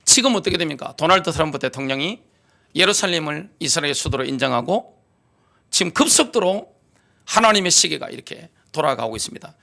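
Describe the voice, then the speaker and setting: A man's voice: a little high, expressive, brisk, vocal fry, bright, forceful tone. A middle-aged man with a Gyeongsang Korean accent, preaching a sermon as pastor, emphatic and full of rhetorical questions. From Gyeongsang region, South Korea.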